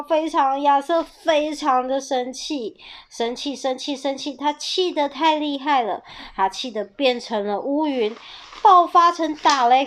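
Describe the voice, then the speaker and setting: A woman reading a picture book aloud to children in a playful, animated storytelling manner, calling out the characters' shouted lines. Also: on the high side. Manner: lively, playful, loud bursts for quoted shouts.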